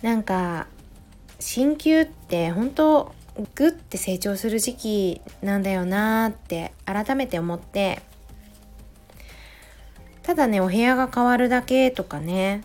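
A woman in her thirties, a mother, talking in a gentle, chatty way in a casual solo audio diary, close to the mic. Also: mid-range voice, takes it slowly. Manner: gentle, chatty, many soft "ne" tags. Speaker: podcast host, mother of a preschooler. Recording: faint music behind voice.

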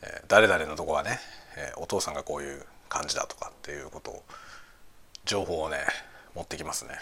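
A man's voice: very deep voice, brisk, gravelly, bright, forceful tone, husky. A middle-aged man chatting casually while eating, musing aloud in short phrases that trail off. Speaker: host of a lunchtime chat.

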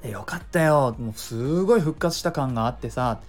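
A man's voice: medium pitch, lively intonation, brisk, soft background music. A middle-aged man hosting a casual solo talk show, chatty and self-explaining, giving speaking tips and dropping in little sound imitations. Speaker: podcast host.

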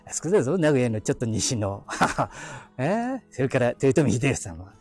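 A husky-voiced man with an Aichi (Nagoya-area) accent rambles casually as he walks quiet residential streets, holding his phone as the mic for a live audio stream. His mid-range voice has a sing-song lilt, a moderate pace, and a darkish tone, with faint music behind him. He's chatty, talks to himself, and drops chuckling asides.

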